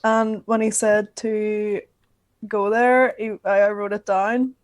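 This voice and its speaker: A woman's voice: mid-range voice, level tone, slow pace, no room sound. A woman from Northern Ireland interviewing her podcast co-host in a chatty, rambling way, asking lots of questions. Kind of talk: casual chat interview.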